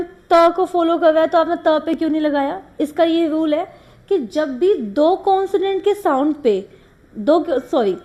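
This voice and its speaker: A woman's voice: extremely high pitch, a little mellow, highs cut off. A woman teaching shorthand, explaining rules step by step and mixing English terms into Hindi. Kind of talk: classroom lesson.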